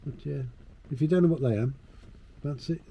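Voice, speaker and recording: Very mellow, soft-toned British man. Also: fairly high pitch, normal speed, creaky. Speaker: travel vlogger. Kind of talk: casual chat to camera. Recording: location sound with faint noise.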